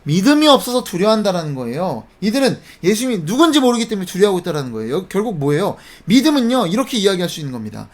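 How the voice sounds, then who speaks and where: A middle-aged pastor from South Korea preaches a morning sermon. His voice sits high for a man and swings widely in pitch, rising and dropping as he questions his listeners and then answers them himself. He sounds animated throughout. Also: racing, hardly any pauses.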